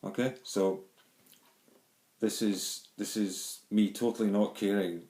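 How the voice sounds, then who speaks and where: In a lowish, steady, dark voice, a middle-aged Glaswegian man speaks slowly, wandering through a home video monologue with plenty of ums and false starts. He's from Scotland, filmed on a handheld phone or camera in a room with echo.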